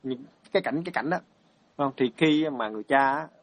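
Hesitant monk. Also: male voice, mid-range voice, a little fast, no echo. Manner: hesitant, many fillers and repeated words. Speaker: Buddhist monk. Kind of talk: dharma talk storytelling.

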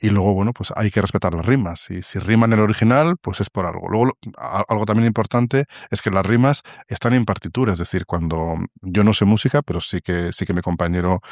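A man answering interview questions, often restarting and filling pauses as he explains. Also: low voice, no echo, clean studio sound. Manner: hesitant, many restarts and fillers. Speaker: guest, song translation author. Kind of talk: interview conversation.

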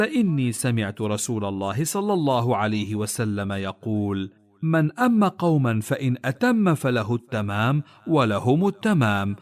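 A man reading religious narrations aloud in a formal, measured, solemn recitation. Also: mid-range voice. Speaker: reader of hadith texts.

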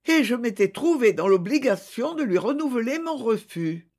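A reader voicing Édith, a reserved young woman who answers questions in a hesitant, measured way. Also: medium pitch, very animated, a little mellow, pitched above the performer's own voice. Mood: guarded.

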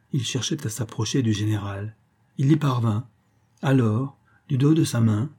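A man reading a classic tale aloud as narrator, with measured, expressive storytelling. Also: mid-range voice, husky.

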